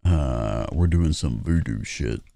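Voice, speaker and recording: Man streamer, very deep gravelly voice, casual profane commentary, faint music. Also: animated, takes it slowly, warm tone, a little hiss or hum. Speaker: gaming streamer. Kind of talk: let's play commentary.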